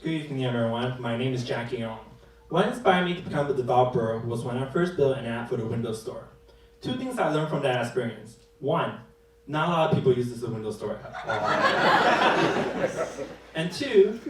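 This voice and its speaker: A man's voice: mid-range voice, a little hiss or hum. A man giving a friendly, lightly joking scripted introduction as a developer. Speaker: presenting developer. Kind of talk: scripted presentation. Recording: echoey hall mic from a distance.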